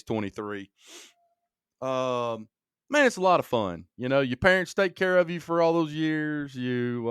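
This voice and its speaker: In a clean studio recording that's dry, this Alabama podcast guest speaks in a clean mid-range voice. He spins energetic stories in easy conversation, frequently stopping to restart sentences and leaning on fillers.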